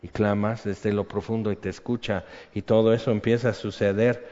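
Older guy preaching, chatty and lively then going quiet, echoey hall, kinda muffled lo-fi. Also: lowish voice, normal speed. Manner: animated and conversational, drops to a hush for emphasis. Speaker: pastor. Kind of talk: sermon. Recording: echoey hall, dull lo-fi sound.

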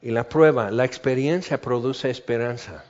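A man's voice: mid-range voice, moderate pace, a little mellow. A man preaching a conversational, humorous sermon and acting out everyday scenes. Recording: muffled lo-fi recording.

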